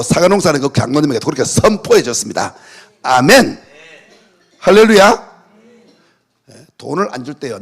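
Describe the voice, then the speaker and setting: A man preaching at a revival meeting, telling lively stories, shouting decrees and mimicking prayers for laughs. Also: on the high side, gravelly, slightly rough. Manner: animated storytelling, shouted decrees and playful mimicry. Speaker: pastor. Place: church hall.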